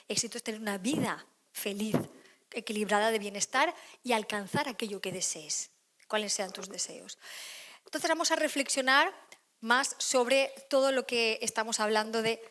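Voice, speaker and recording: Woman, conference talk, lecture hall, lively, acts out quoted voices, fairly high. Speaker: speaker on emotional education.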